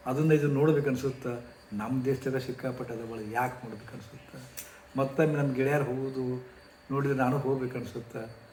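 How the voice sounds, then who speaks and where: A man voicing a weary, lonely older rich man who speaks in a soft, subdued, complaining voice. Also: mid-range voice, steady tone, fast, reverberant, slight background noise, close to an everyday voice, low-quality recording.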